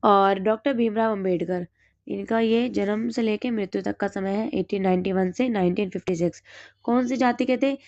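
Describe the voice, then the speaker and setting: A woman with a hoarse throat, teaching exam notes and asking and then answering her own quick questions. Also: medium pitch, a little mellow, no room sound, muffled recording. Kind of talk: reading through study notes.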